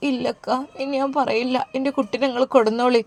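A woman's voice: fairly high pitch, fairly even intonation, normal speed, darkish tone, lightly acted. A woman voicing a worried, loving middle-aged mother who talks tenderly. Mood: pleading. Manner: anxious, pleading and tender.

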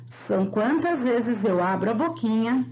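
A woman with a Brazilian Portuguese accent runs a class for young children, reading the alphabet and syllable families one by one. She speaks very slowly and spells each sound out with care. The recording is dull and lo-fi, with a faint hiss underneath. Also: a little high, lively intonation, a little mellow. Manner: slow, drawn-out syllable drills. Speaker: teacher.

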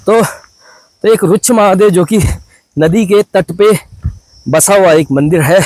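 High-voiced man from Uttarakhand vlogging outdoors. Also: slow pace, darkish tone, no room sound. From Uttarakhand, India. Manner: chatty, pointing things out to viewers. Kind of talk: casual travel vlog narration. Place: outdoors at hill temples and a riverside.

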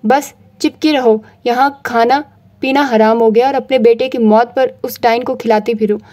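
A hostile, scornful aunt from a storybook drama who shouts down everyone around her, played by a woman narrator. Her voice sits fairly high yet stays soft and mellow in tone. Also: fairly even intonation, moderate pace, close to an everyday voice. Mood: furious scorn. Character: angry spiteful woman, bullying aunt.

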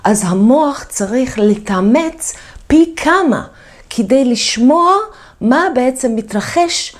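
A woman English teacher talks straight through a video lesson. Her voice sits a little high, and she explains with lively emphasis, repeating key words for her learners.

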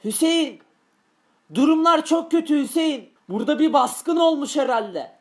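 A man's voice: very high-pitched, expressive, measured pace. A man voicing a wary police chief inspector who gives orders at a crime scene in a game-video drama.

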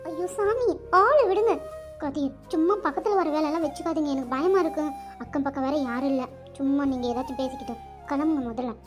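A woman voicing Selvi, a shy, anxious young village woman in love, in a cartoon, fretful and pleading. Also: natural voice. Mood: scared. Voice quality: very high girlish voice. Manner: fretful, pleading, quick to scold. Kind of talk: cartoon voice acting. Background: background music.

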